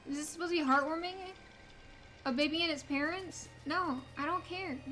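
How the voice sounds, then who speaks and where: A woman with a high voice plays a video game and comments on it in a casual, chatty way. Music plays along behind her. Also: a little fast, pushed and bright. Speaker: gamer playing and commenting. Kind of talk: casual let's play commentary, reading game dialogue aloud.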